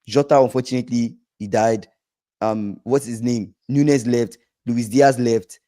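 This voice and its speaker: A man co-hosting a casual football podcast, emphatic and repetitive, a little hoarse. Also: medium pitch, fairly even intonation, a little slow, dark tone. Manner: emphatic, repeats himself, trails off. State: slightly hoarse from shouting. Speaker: podcast co-host.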